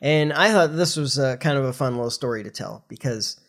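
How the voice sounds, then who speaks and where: Fairly quick and a bit bright, a mid-range male voice carries this podcast chat. The middle-aged host sounds congested and nasal from a recent flu while informally explaining news stories.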